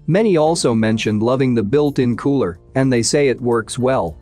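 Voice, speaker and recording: A man narrating a scripted product review countdown in an even, read-aloud tone. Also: mid-range voice, moderate pace, faint music behind.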